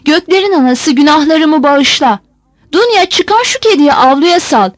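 A woman reading a storybook puts on a fussy old peasant mother who grumbles and scolds without end and keeps calling on heaven. her voice runs high and swings widely, close and dry with no room around it. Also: animated, normal speed, no room sound. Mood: scolding grumble. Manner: scolding, fretful, pleading to heaven.

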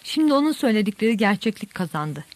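A woman reading an audiobook aloud and voicing a grown man who calmly reflects on history. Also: medium pitch, fast, no echo. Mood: reflective.

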